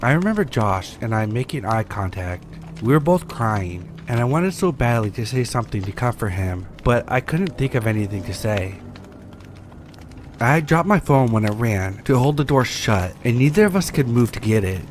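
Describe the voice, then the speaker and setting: A man's voice: mid-range voice, expressive, moderate pace, slight background noise. Man narrating a horror story. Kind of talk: scripted first-person horror story narration.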